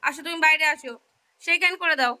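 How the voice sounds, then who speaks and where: High bright coaxing young woman. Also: racing. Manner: coaxing, sing-song and cajoling. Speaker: vlogger coaxing her pet parrot. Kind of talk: casual baby-talk to a pet.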